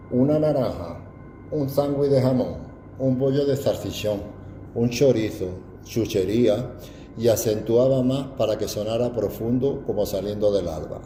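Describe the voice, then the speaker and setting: A man's voice: lowish voice, warm tone, a little hiss or hum. Older Andalusian man, proud, roomy sound. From Andalusia, Spain. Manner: proud, reflective storytelling. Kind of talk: personal testimony.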